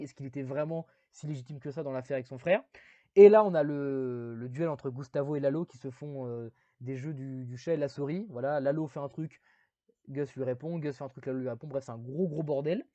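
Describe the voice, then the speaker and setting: A man's voice: a little high, warm tone, no echo, muffled recording. A man giving a casual spoken video review, rambling with many fillers and self-deprecating asides.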